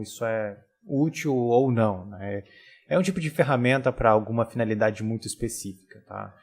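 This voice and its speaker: A man leads a casual screen-recorded software lesson. His voice sits at an ordinary middle pitch, close on a desktop mic. He keeps it relaxed and chatty, checking in with listeners through frequent tag questions. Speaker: software tutorial instructor.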